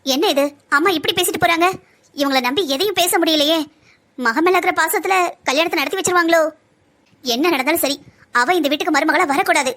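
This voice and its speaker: A woman voicing a sharp-tongued, scheming young woman who pushes and coaxes her family in a cartoon drama. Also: extremely high pitch, fairly quick. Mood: plotting. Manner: pushy, coaxing.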